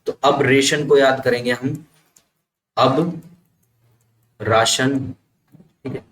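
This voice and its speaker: A man's voice: mid-range voice, fairly even intonation, extremely slow, fairly bright tone. A man teaching vocabulary with memory tricks, explaining step by step and checking understanding as he goes. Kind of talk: explanatory lesson with mnemonics. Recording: echoey room, faint ambient noise.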